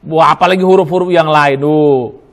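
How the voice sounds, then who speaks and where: A man's voice: a little high, normal speed. A man preaching a Ramadan sermon in a mosque, emphatic, spelling out Arabic letters and sounds, asking questions and answering them himself. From Indonesia. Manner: asks and answers his own questions.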